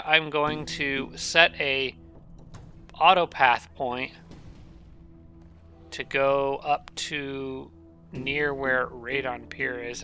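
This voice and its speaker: A man commentates a strategy game in a relaxed way, thinking aloud, rambling, restarting, and correcting himself. Allergies leave his mid-range, sharp-toned voice a little raspy and nasal.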